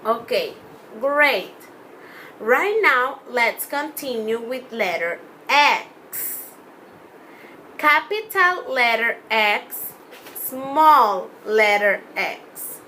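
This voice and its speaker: Young woman, Spanish first language, kids' teacher on video: very slow, patient phonics drills, clear bright tone. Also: on the high side, lively intonation, a little hiss or hum, rough recording. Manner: slow, drawn-out phonics teaching with counting and repeated words. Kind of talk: children's class video lesson.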